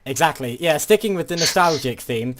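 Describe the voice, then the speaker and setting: Narrating his own gameplay, a teenage gaming channel host hesitates a great deal and uses courteous, old-fashioned expressions. He sounds fairly high-pitched, expressive and a little fast, and crowd noise can be heard.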